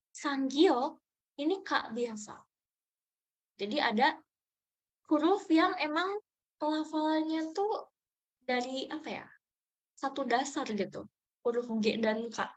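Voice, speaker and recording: A woman's voice: high-pitched, low-quality recording. A young woman teaching a beginner Korean class, patiently repeating each sound several times for her students. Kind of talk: online language class.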